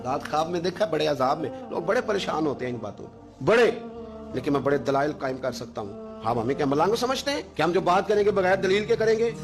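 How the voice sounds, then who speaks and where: Male preacher, high voice, swings soft to loud, music playing underneath. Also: fast talker. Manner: swings between soft low asides and loud scolding. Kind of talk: emotional sermon storytelling.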